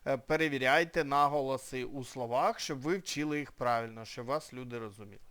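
A young man from Ukraine, an English teacher, explaining a lesson casually with frequent pauses and hesitations. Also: medium pitch, fairly bright tone.

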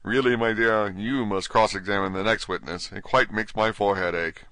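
A man's voice: lowish voice, steady tone, moderate pace, bright, forceful tone, dry recording. A man voicing a fussy, anxious, self-important King with an emphatic, blustering manner. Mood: relieved, weary.

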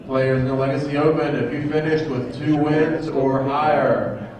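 A man's voice: mid-range voice, steady tone, moderate pace, background noise. A man making an event announcement over a PA system in a large tournament hall. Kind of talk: public announcement. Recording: echoey loudspeaker from far off. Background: crowd chatter.

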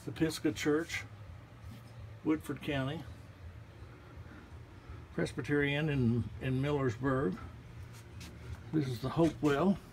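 Slow and fairly high-pitched, with long pauses, an artist guides visitors around a small art gallery, pointing out the paintings one by one. He keeps things relaxed and folksy in this casual walking-tour narration. Slight background noise is audible on the handheld phone recording.

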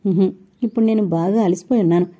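Dark, husky woman reading a novel. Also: medium pitch, quick pace, muffled recording. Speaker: audiobook narrator. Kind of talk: scripted novel narration with character dialogue.

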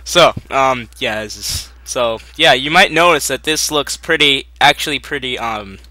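A man's voice: mid-range voice, measured pace, bright, forceful tone, no room sound. A young man casually commentating his game, goofy and bickering, full of fillers and laughs. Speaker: gaming commentator. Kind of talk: casual Minecraft commentary with a friend.

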